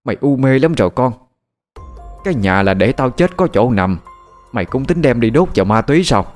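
A man's voice: on the low side, slow pace, mellow, reverberant, in a large hall, soft background music. A man voicing an elderly mother in a storytelling narration, who scolds with wailing curses. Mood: scolding.

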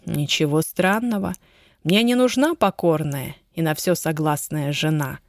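A woman voicing a wealthy young husband, ardent but guarded, in a slow, low, even delivery. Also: no room sound, studio quality. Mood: low, measured.

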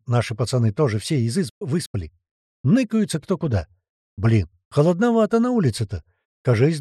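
A male audiobook narrator telling a first-person story with a lively, swinging pitch and a colloquial, expressive delivery. His voice is warm and mellow, recorded dry and close. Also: dry recording.

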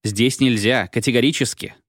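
A man's voice: medium pitch, steady tone, normal speed, no echo, close to an everyday voice. A man reading an audiobook, giving a dry, irritated young man curt, grudging replies. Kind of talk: audiobook character voice.

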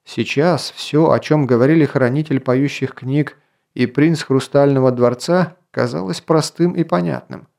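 A man reads a fantasy novel aloud with a mellow, dark-toned voice in the middle range. His delivery is measured and even, like a steady audiobook narration. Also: medium pitch, gravelly. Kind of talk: scripted narration.

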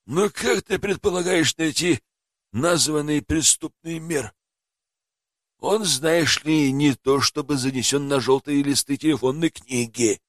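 A man's voice: a little slow, dry recording, clean studio sound, close to an everyday voice. A man doing a haughty young woman adventurer. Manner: purring, coquettish falsetto. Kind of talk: audiobook character voice.

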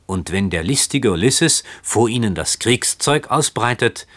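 A man's voice: lowish voice, expressive, unhurried, fairly bright tone. A man reading aloud voices a bold, proud young woman who speaks firmly and mockingly. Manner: firm, mocking.

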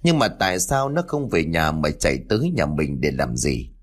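A man's voice: very deep voice, very animated, moderate pace, pitched below the performer's own voice, heavily acted. A man voicing a shrewd old grandmother who mutters her thoughts to herself. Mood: brooding.

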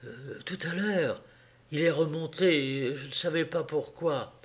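A man reading an audiobook, voicing a frightened young woman who whispers to her lover in a low, breathless murmur. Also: unhurried, close to an everyday voice. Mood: fearful whisper.

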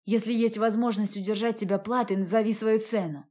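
Woman voicing a cold bossy rich guy, short clipped lines, mellow tone, audiobook. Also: mid-range voice, fairly even intonation, brisk, natural voice. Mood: angry. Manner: curt and cold. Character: cold, domineering wealthy man.

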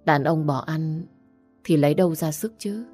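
A woman voicing a gentle, caring young wife who turns firm under pressure. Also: deep voice, normal speed, soft background music. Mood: tender.

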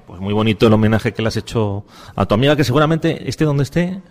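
A man's voice: mid-range voice, animated, quick pace, in a large hall. A man with an accent from Spain, hosting a casual, encouraging interview. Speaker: radio programme host interviewing a teacher and pupils.

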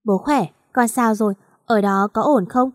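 Woman doing a worried old dad in an audio story, gentle, concerned, fairly high, dry. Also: normal speed, no room sound, close to an everyday voice. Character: worried, gentle older father.

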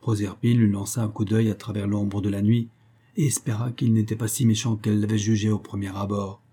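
Male audiobook narrator, dark and husky, measured storybook telling. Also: fairly low pitch, flat delivery.

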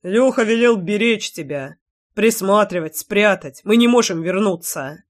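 Woman voicing a gruff, stubborn young village man. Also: medium pitch, lively intonation, measured pace, natural voice. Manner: gruff, teasing and matter-of-fact. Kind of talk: audiobook character voice.

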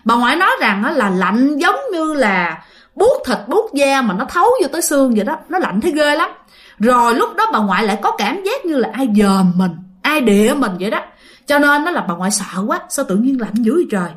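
A woman's voice: high-pitched, very animated, a little fast. A woman with a Southern Vietnamese accent telling a ghost story in a chatty way, speaking straight to her listeners. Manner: chatty, addresses listeners directly. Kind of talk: casual storytelling.

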